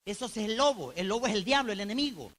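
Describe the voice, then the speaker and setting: A male pastor preaches a colloquial sermon in church, talking fast with lively intonation. He swings between loud emphasis and low, intense tones and speaks directly to the congregation.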